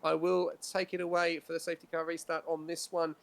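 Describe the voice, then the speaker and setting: A man's voice: a little high, a little fast, creaky. A man commentating a sim racing league, laid-back with many fillers, reading out the running order. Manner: laid-back, many fillers, builds excitement at race starts. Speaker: race commentator.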